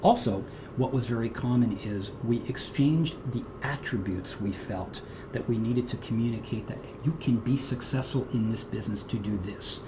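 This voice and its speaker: A middle-aged American man, a guest in an interview, grew up speaking Portuguese at home. His mid-range voice moves at a moderate pace as he talks earnestly, repeating and restarting words as he begins, with background noise behind him.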